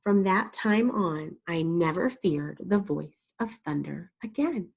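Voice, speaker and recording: Reading a picture book dramatically for young children, this woman storyteller explains things to her audience in a slow, expressive delivery. Her voice is on the low side, creaky and slightly rough.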